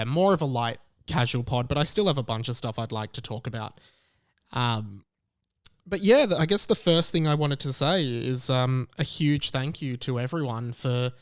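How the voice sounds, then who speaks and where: A young Australian man hosts a solo podcast in a medium-pitched, smooth voice. His monologue is casual, chatty and emphatic.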